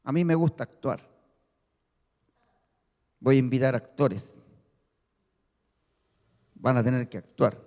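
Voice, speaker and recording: A male pastor preaching a sermon, teaching slowly and having the congregation repeat key words. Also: medium pitch, darkish tone. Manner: explains word meanings slowly, stresses key words. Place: church hall. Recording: long reverb of a church hall.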